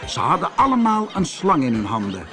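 A man narrating a children's story in an expressive, animated reading. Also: on the high side, a little fast, faint music behind.

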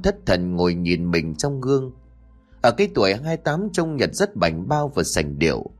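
A man narrating a scripted horror story in a lively, expressive way. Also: medium pitch.

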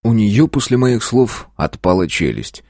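A man with a very low voice narrates a first-person story and acts out his own lines of dialogue. His intonation rises and falls widely, and the sound is dry and close with no room echo. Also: measured pace. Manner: expressive reading with acted dialogue. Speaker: audiobook narrator.

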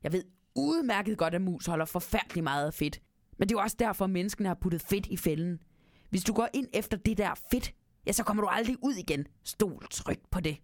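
A woman's voice: mid-range voice, lively intonation, no echo, studio quality, close to an everyday voice. A woman voicing a clever, bossy male Christmas elf who scolds a mouse, in a storybook reading. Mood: scolding.

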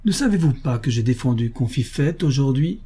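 A man's voice: mid-range voice, lively intonation, fairly quick, mellow, breathy edge. A man reading a story voices a melancholy, pious woman who turns stiff and defensive. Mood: stiff, mournful. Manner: mournful, then stiff and defensive.

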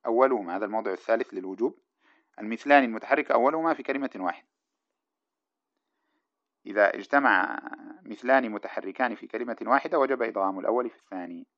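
A man teaching a classroom lecture, reading a grammar text aloud and explaining it line by line in a brisk, explanatory way. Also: medium pitch, a bit bright. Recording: dull lo-fi recording.

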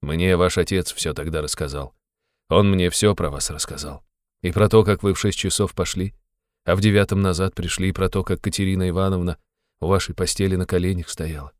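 Brief: male reader voicing a gloomy young man, low and clipped, sullen and abrupt. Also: fairly even intonation, a little fast, no room sound, studio quality, close to an everyday voice.

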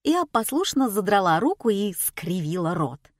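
A woman narrating a first-person story in a wry, measured manner. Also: medium pitch, big pitch swings, no room sound, clean studio sound. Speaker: audiobook narrator.

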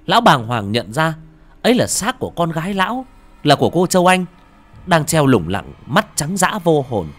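A man narrating a horror audiobook in a dramatic, expressive way. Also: a little high, normal speed.

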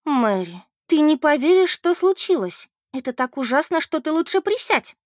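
A woman's voice: high voice, lively intonation, a little fast, dry recording, studio quality, pitched above the performer's own voice. A woman voicing a small, plump, dramatic woman of thirty-eight who tells news breathlessly. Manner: breathless, theatrical.

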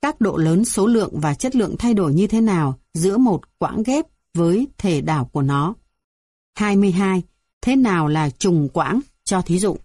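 Her voice is on the low side, husky yet mellow and warm, as she reads scripted text from a music theory textbook. She steps through the numbered items at a steady, even pace. The recording is close and dry, with no room sound.

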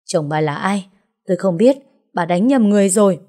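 A woman's voice: mid-range voice, lively intonation, brisk, mellow, natural voice. A woman narrator voicing a young woman defending herself sharply in an audiobook story. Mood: defensive. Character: young woman accused, defiant and frightened.

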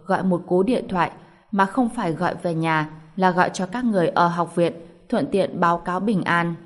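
A woman narrating a novel as an audiobook, reading in an even, steady way. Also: fairly low pitch.

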